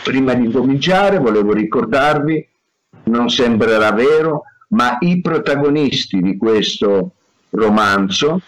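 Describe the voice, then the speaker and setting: A man's voice: medium pitch, expressive, measured pace, low-quality recording. A man narrating and bossing the cast around as a mock director in a comic radio sketch, theatrical and scolding.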